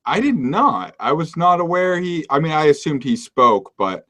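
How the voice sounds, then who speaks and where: A man's voice: fairly high pitch, very animated, normal speed, fairly bright tone. A man co-hosting a casual political podcast, given to sarcastic joking rants. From Maine. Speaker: podcast co-host.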